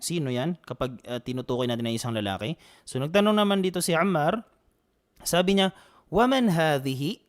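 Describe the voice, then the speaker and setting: A man's voice: on the high side, brisk, clear, resonant tone. A man teaching an online Arabic lesson, patiently repeating and drilling phrases. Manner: answers students by name.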